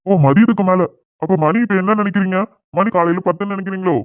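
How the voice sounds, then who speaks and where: A man's voice: high voice, steady tone, fast talker, no room sound, natural voice. A man voicing a scolding middle-aged father who presses his son with questions in a cartoon, with a thin, phone-like sound. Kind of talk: cartoon voice acting. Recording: dry, phone-like narrow sound.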